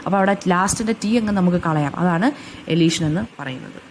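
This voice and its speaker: A woman with a Kerala accent explaining English phonetics for exam notes, stopping often with fillers and saying English example phrases slowly. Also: fairly low pitch, slight background noise. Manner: frequent fillers and self-restarts. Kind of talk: exam-notes lecture in Malayalam.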